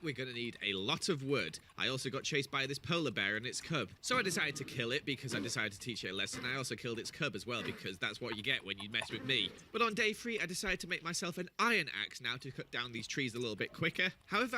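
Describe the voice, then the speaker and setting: Bright, lively man narrating gameplay. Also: medium pitch, slight background noise. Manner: playful, jokey and self-mocking. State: has the hiccups. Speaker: gaming channel host.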